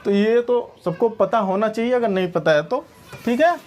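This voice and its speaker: A woman's voice: medium pitch, moderate pace, a little mellow, a little hiss or hum. A woman teaching a maths lesson, often asking students if they understand. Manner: questioning, checks understanding often. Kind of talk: classroom-style maths lesson.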